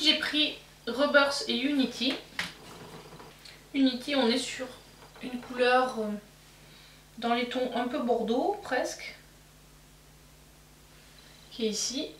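Casting note: relaxed beauty vlogger, fairly high voice, a bit distant from the mic. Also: female voice, slow, long pauses, a little hiss or hum. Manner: chatty, self-mocking, with frequent fillers. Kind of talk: casual makeup haul show-and-tell. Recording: roomy, somewhat distant mic.

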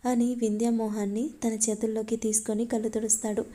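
A woman reading a love story aloud as a steady scripted narration. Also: a little high, a little fast.

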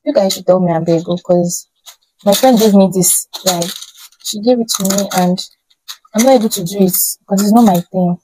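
A woman's voice: mid-range voice, normal speed, background noise. A young woman chatting casually to her phone camera in a student vlog. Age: young adult. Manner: chatty, relaxed, talks straight to camera. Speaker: student vlogger. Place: small apartment room and kitchen, indoors.

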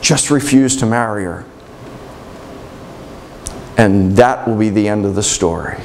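A man's voice: fairly low pitch, measured pace, a little mellow, a little hiss or hum, pitched below the performer's own voice. A coaxing tempter voice, as a man puts it on. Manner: coaxing, persuasive. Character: tempting dream voice, smooth and coaxing.

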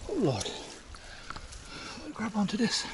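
Irish guy, middle-aged, vlogging a tough climb outdoors; winded, wry, unhurried, on a close action cam. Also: high-pitched, wildly swooping pitch, background noise. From Ireland. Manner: breathless, sighing, wry understatement. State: out of breath. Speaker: adventure vlogger. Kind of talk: casual vlog commentary while climbing. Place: outdoors on a steep, rainy mountainside. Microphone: action camera held close or clipped on.

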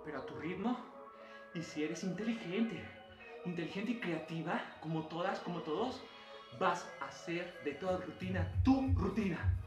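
A man with a Mexican accent leading an exercise class, encouraging students and loudly counting out repetitions. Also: sits high, lively intonation, normal speed. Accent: Mexican Spanish. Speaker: fitness instructor. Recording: echoey room, voice far from mic, faint music.

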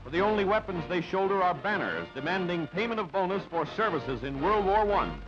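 A brisk, expressive man with a high voice narrates a newsreel script in a clipped, punchy, dramatic manner. The audio is a dull, band-limited old newsreel soundtrack with music.

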